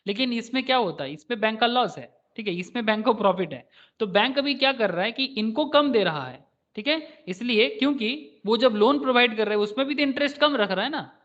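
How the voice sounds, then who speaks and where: High-voiced man teaching a lo-fi class. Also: expressive, brisk, fairly bright tone. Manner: rambling, addresses students as sir, asks rhetorical questions. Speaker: stock market teacher. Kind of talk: online class lecture. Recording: dull lo-fi audio.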